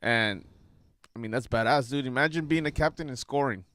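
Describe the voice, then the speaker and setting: A man with a mid-range voice co-hosts a casual football chat, relaxed and loose with slang and swearing. His voice sits close to the mic in a dry, dead sound. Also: medium pitch, a little fast, no room sound. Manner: laid-back, crude slang and swearing. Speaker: podcast co-host.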